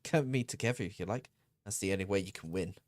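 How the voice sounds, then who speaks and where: A man's voice: low-pitched, fast talker, no room sound, clean studio sound, lightly acted. A man voicing a cocky young male tag-team wrestler with a smug, taunting manner.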